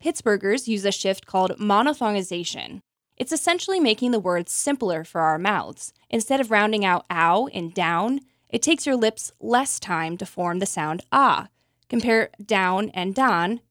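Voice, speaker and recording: A woman's voice: mid-range voice, dry recording. Woman narrating in a dry, close studio. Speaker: radio reporter and podcast host. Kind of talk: scripted narration, public radio explainer.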